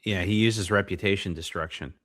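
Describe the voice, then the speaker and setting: A man's voice: sits low, brisk, a bit bright. A man co-hosting a retro gaming podcast, talking casually with lots of fillers and restarts. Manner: hesitant, many fillers and restarts. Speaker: podcast co-host.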